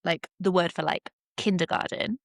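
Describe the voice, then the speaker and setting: A woman's voice: fairly low pitch, moderate pace, vocal fry, no room sound. A woman co-hosting a podcast, telling stories in casual chat, swearing freely and using many fillers. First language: English. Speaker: podcast co-host.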